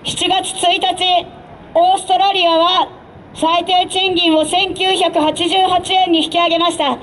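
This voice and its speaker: A woman election candidate delivering an emphatic street campaign speech through a handheld microphone, in deliberate phrases with direct appeals. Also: very high voice, little pitch movement, fairly bright tone, rough recording. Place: outdoor urban street rally stage. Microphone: handheld mic over PA, filmed from a distance. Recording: faint outdoor street noise.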